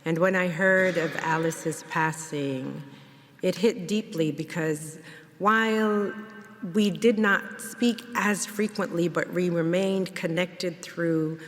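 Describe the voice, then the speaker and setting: A woman from Jamaica giving a memorial eulogy in a church, speaking in a measured, reflective way. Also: lowish voice. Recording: long church reverb.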